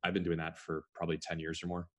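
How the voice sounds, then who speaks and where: A middle-aged man, a podcast guest, talking in a relaxed, rambling way and drawing out some words. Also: sits low, fast talker. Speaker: podcast guest, startup founder. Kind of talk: casual interview conversation.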